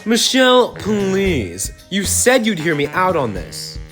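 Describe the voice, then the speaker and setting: A man's voice: high-pitched, huge pitch swings, slow pace, exaggerated voice. A man voicing a pleading, defensive adult man in a fan audio drama. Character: adult man, pleading, fond of stuffed animals. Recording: with clear music underneath.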